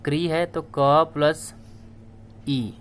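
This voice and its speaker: A man's voice: on the high side, fairly even intonation, very slow, a bit bright, a little hiss or hum. A man teaching a language lesson, patiently spelling out letters one by one and repeating each word. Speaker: Sanskrit teacher. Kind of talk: slow classroom explanation.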